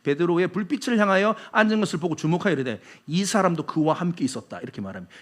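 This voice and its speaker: A male pastor with a Busan Gyeongsang accent, preaching a sermon and putting rhetorical questions to his congregation. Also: high-pitched. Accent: Busan Gyeongsang Korean. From Busan, South Korea.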